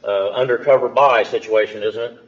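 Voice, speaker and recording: An American man speaking as a judge, stern and lecturing, with halting pauses, questioning and admonishing in a courtroom. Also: medium pitch, fairly even intonation. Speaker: judge presiding over a hearing. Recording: muffled courtroom audio.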